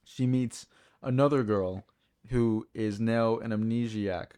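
A man's voice: lowish voice, fairly even intonation, slow pace, dark tone, smooth. A man co-hosting a podcast, explaining at length in a chatty, casual way. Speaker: podcast co-host. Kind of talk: casual film discussion.

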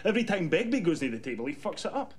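A man's voice: high voice, rapid-fire. An actor playing an honest young Scottish man in a film, telling a story about his mate with exasperated disbelief and slang. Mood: confiding. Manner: incredulous, animated, slangy. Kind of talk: film monologue, casual storytelling. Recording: clear background noise.

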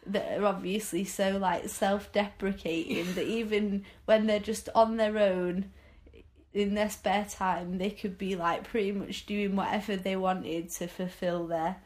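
This is a young woman chatting casually on a podcast. She rambles through her stories with lots of fillers and stays amused. Her voice sits at an ordinary middle pitch. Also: fairly even intonation, unhurried, darkish tone. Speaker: podcast co-host. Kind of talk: casual chat.

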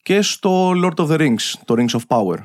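A man's voice: fairly high pitch, big pitch swings, dry recording, studio quality. A young adult man, a voice actor, chatting in an interview and laughing often. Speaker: guest voice actor. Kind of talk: casual interview chat.

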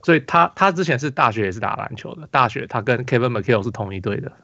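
A man's voice: mid-range voice, quick pace, creaky, sharp tone, no room sound. Taiwanese mandarin guy rambling on a podcast, lots of restarts, dry dull lo-fi sound. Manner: rambling storytelling with many restarts and fillers. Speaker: podcast host. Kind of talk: casual basketball podcast chat.

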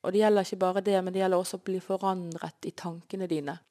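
A woman's voice: lowish voice, flat delivery, mellow. A woman sharing an earnest, emotional personal faith testimony as an interview guest. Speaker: guest sharing her life story.

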